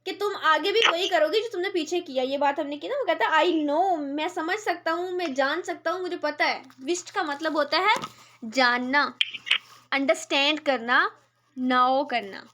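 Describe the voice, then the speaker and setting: A woman's voice: high voice, moderate pace, a bit bright. A woman teacher, explaining a poem step by step in an online lesson and checking often that her student follows.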